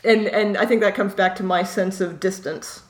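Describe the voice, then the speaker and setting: A woman's voice: medium pitch, fairly even intonation, normal speed. A woman co-hosting a casual discussion of literature, talking off the cuff. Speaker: podcast co-host.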